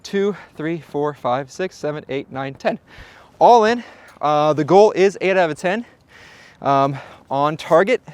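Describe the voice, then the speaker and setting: In a casual range video, a shooting channel host jokes around and speaks to the viewer in a smooth, darkish voice on the high side. His intonation is lively, his pace a little slow, and he is occasionally out of breath. There is no room sound.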